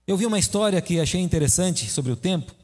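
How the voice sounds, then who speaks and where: In an echoey church hall, a man preaches a sermon, telling a story and putting questions to his listeners in a conversational style. His voice is high and animated, he talks fast, and a crowd can be heard behind him.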